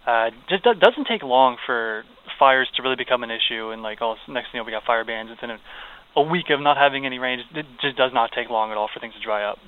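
Male weather forecaster, phone-line sound, brisk, informal, slightly hesitant delivery. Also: mid-range voice. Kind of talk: casual live weather chat. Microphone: phone call.

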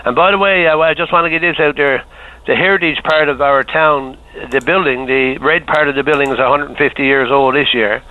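Radio caller on a phone line. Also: male voice, fairly high pitch, steady tone, a little fast. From Newfoundland. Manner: folksy, enthusiastic, repeats phrases. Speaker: radio show caller, town councillor. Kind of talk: casual call-in chat.

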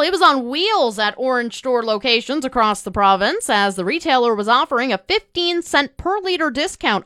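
Brief: female radio newsreader, bright forceful voice, slightly high pitch, scripted news and forecast delivery. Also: no room sound, clean studio sound. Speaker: radio news and weather announcer.

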